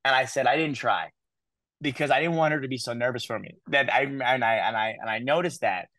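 A man in his thirties, a guest in an interview, telling his story in an animated way, restarting and quoting others. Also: medium pitch, brisk, no echo. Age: 30s. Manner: animated, repeats words, quotes people in his story. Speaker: guest speaker.

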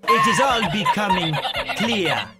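A man voicing an ominous female fortune-teller in a put-on Jamaican accent, drawing out her prophecies slowly. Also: sits high, wildly swooping pitch, over loud music, exaggerated voice. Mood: mysterious. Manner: slow, drawn-out prophetic delivery. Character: slow mystic fortune-teller woman, ominous.

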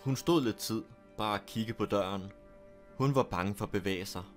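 A man narrating a scary story in a steady, deliberate storytelling manner. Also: lowish voice, faint music behind. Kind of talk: scripted horror story narration.

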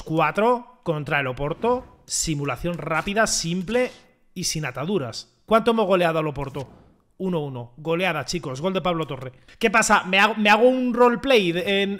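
A young man doing loud, joking gameplay commentary and swearing freely. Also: sits high. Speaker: gaming YouTuber.

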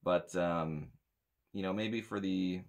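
Slow and low-pitched with fairly even intonation, an American man in his thirties rambles through a casual gear review as a sound tech. He's blunt and complains a lot, speaking from a small indoor room with metal shelves.

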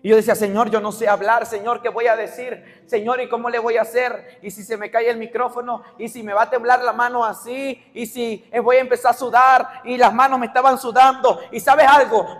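A young pastor with a strikingly high voice preaches an impassioned sermon. He shifts from hushed, confiding asides to shouted calls to the congregation. His voice rings out through a church hall with a long reverb. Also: steady tone, moderate pace, hardly any pauses. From Mexico. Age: young adult. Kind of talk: evangelical sermon.

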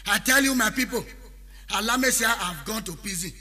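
Nigerian musician with an Edo Pidgin accent, very high sharp voice, preachy half-sung spoken word over music in a long echo. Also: male voice, lively intonation, a little fast. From Benin City, Nigeria. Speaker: highlife musician. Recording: long reverb with backing music.

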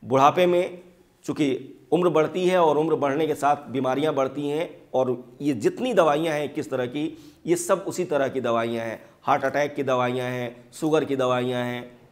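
A man's voice: medium pitch, fairly even intonation, moderate pace. A man in his thirties presenting a studio news commentary, explaining earnestly. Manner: earnest explanatory delivery with hand gestures. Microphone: lapel mic.

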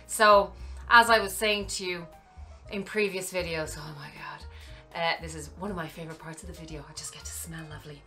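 A woman's voice: low-pitched, pushed and bright. A woman chatting to camera as a luxury handbag and fragrance vlogger, effusive and full of thanks to her viewers. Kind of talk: casual vlog chat to camera.

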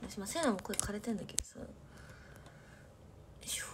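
A woman's voice: mid-range voice, lively intonation, fairly quick. A young woman chatting casually on a late-night livestream, often dropping into whispers. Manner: chatty, soft-spoken, drops to whispers, laughs often. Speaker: live streamer. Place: bedroom at night.

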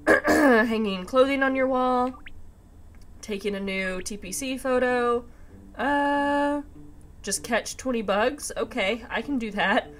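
A woman with a slightly high voice speaks slowly while hosting a casual let's play, chatting to herself over video game music and a bit of background noise. She sounds slightly nasal and congested from a sinus infection and is still getting over a cough and sore throat.

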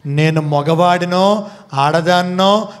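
A man giving a motivational speech to students in a college hall. He calls out questions to the crowd and swings from loud to hushed. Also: sits high, slow pace. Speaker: motivational speaker. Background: student audience.

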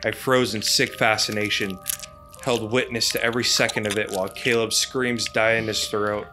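Man, podcast host, low pitch, forceful bright tone, dramatic story reading. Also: little pitch movement, moderate pace, faint music behind. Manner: dramatic reading broken by laughter. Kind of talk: reading a scary story aloud.

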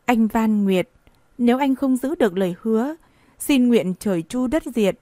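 A woman's voice: on the high side, expressive, moderate pace, warm tone, dry recording, studio quality, lightly acted. A woman reading the part of an evasive young man who soothes his lover, in a coaxing, reassuring tone. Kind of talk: audiobook dialogue reading.

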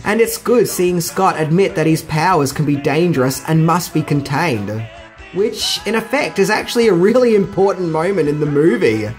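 A man's voice: a little high, lively intonation, moderate pace, faint music behind. A middle-aged man hosting a scripted film trivia video with casual, slangy asides. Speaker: video host.

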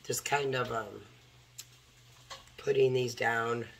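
A man with a hoarse voice from a cold, casually talking through a craft project step by step as he works. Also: medium pitch, fairly even intonation, takes it slowly, a bit bright, slight background noise. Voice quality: gravelly. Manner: talks while working, moving near and far from the mic. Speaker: craft tutorial host.

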